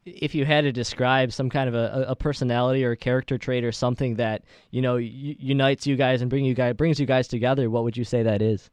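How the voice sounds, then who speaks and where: A man's voice: medium pitch, steady tone, quick pace, hardly any pauses, a little mellow, clean tone, no room sound. A man hosting a sports show, talking conversationally through interview questions and soccer commentary in a wordy way.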